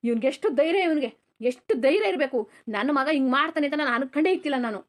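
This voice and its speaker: A fast-talking, bossy landlord father in a village cartoon, voiced by a woman. The voice sits high and rattles off angry scolding, repeating phrases over and over. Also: lively intonation. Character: stern rich village landlord father, quick-tempered. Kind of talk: cartoon dubbing.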